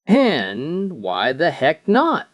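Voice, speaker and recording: A man playing a gruff police sergeant who speaks in a demanding way in a told joke. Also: fairly high pitch, big pitch swings, a little slow, voice pushed up.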